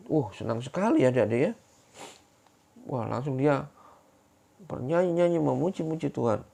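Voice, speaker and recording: A man's voice: mid-range voice, gravelly. A man teaching children at church, telling a Bible story with repeated questions to the kids. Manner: keeps addressing the kids, repetitive and animated.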